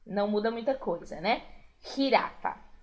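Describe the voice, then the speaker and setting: A woman with a Brazilian Portuguese accent teaching a recorded Spanish lesson, patiently repeating each word clearly. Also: medium pitch, animated, normal speed.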